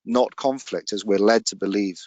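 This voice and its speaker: A man's voice: fairly low pitch, normal speed, a little mellow, no echo, muffled recording. A man speaking as a guest in casual chat, telling stories in an earnest, reflective way.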